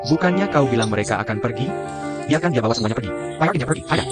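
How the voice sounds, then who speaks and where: An indignant, stubborn grandfather, voiced by a man in a dubbed TV drama. He argues and pleads with a medium-pitched voice. Music plays clearly under the dialogue. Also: expressive, very fast, natural voice.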